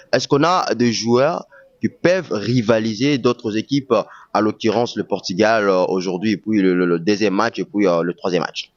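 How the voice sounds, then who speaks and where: A man's voice: fairly low pitch, no echo, highs cut off. A man from the Democratic Republic of the Congo doing a street interview as host, with many hesitant fillers and eager prompting. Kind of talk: street vox-pop interview.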